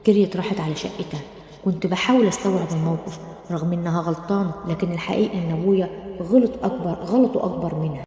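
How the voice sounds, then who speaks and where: A woman's voice: lowish voice, dark tone. A woman with an Egyptian accent telling a dramatic first-person story with tense, emotional narration. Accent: Egyptian Arabic. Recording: roomy, long reverb.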